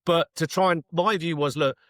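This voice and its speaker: A man's voice: on the high side, moderate pace, fairly bright tone, no room sound, clean studio sound. A man hosting a football podcast, rambling with restarts and firm opinions in casual chat. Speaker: podcast host. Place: pub-going fan in Australia.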